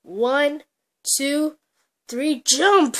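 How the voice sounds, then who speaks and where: A high, light voice talks through a toy play scene at home, acting out each character in turn. The delivery is unhurried and halting, with long gaps between phrases. The tone stays playful and improvised throughout. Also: a bit bright. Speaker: toy play storyteller voicing all characters.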